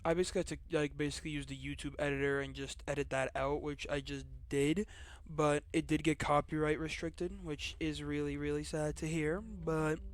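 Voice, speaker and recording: A man's voice: on the high side, level tone, brisk. A young man giving casual gameplay commentary, rambling and stumbling over his words. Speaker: gamer.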